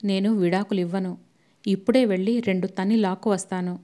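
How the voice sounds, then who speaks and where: A woman reading the part of an agitated young husband who snaps back in quick, heated retorts. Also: mid-range voice, steady tone, warm tone, close to an everyday voice. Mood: angry.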